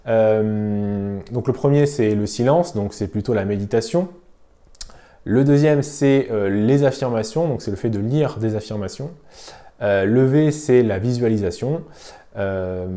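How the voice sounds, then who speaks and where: A man's voice: mid-range voice, a little slow, mellow. A man hosting a finance channel, casually summarizing a book to the viewer with many hesitant fillers. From France. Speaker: host of a personal finance channel.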